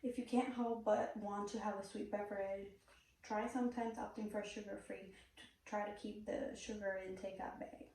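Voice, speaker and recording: A native Spanish speaker from Puerto Rico, this woman has a Puerto Rican Spanish accent and delivers a prepared persuasive speech earnestly and directly, with the occasional "um." Her medium-pitched voice is steady, a little mellow, and moves at a normal speed. The recording carries a little hiss or hum and sounds like a very echoey room with the mic placed far away.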